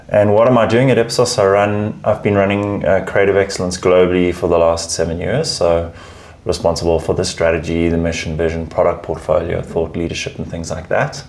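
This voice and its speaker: A South African man appears as a guest, an advertising research lead, in a casual interview chat. His voice is deep, gravelly and a little mellow, and his chatty answers come out emphatic, with words repeated as he searches for phrasing.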